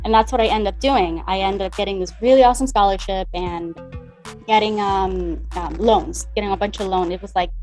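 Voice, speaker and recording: A woman's voice: mid-range voice, a little fast, darkish tone, soft background music. A woman from the Dominican Republic, a money mindset coach, chatting as a guest in an interview, upbeat and talkative. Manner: upbeat, talkative, acts out past conversations. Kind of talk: conversational interview.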